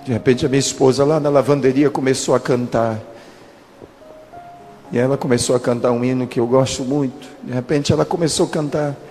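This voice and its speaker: A man in his thirties, a pastor, giving a dramatic testimony and slowing down for quoted speech. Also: mid-range voice, steady tone, mellow. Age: 30s. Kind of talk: testimony sermon. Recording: reverberant hall with music behind.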